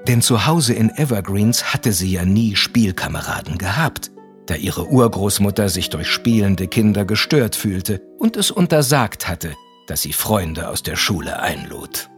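Lively male storybook narrator, low voice. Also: unhurried, faint music behind. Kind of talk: scripted narration.

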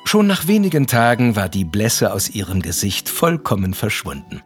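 A man narrating a radio play in a lively storytelling manner. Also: on the low side, normal speed, faint music behind. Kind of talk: scripted narration.

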